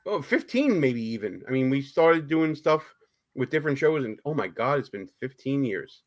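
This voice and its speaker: A man's voice: mid-range voice, sing-song, moderate pace. A man with a Brooklyn accent hosting a casual live political talk show in a chatty, informal way.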